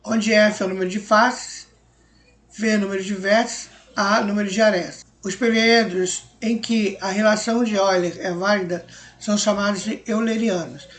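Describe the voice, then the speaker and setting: In a geometry lesson, a female math teacher with a mid-range voice speaks at a moderate pace in a steady tone, patiently posing questions to her class and answering them herself. The room is echoey, and she is far from the mic.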